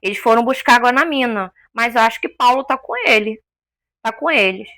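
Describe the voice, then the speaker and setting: A woman's voice: on the high side, a little fast, a bit bright, dry recording, clean studio sound. A woman giving an emotional personal testimony as an interview guest, a vivid storyteller who acts out the voices she quotes.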